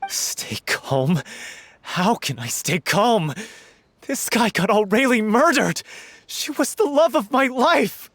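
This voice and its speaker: An actor playing a lovesick, hot-tempered male troupe actor in a video game, earnest and quick to shout. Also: high voice, lively intonation, no echo, heavily acted. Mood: furious.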